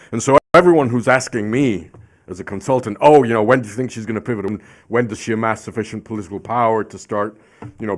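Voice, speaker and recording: A very low-pitched man speaks on a panel as a former ambassador. He thinks aloud and circles back with restarts, expansive and reflective. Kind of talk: panel discussion.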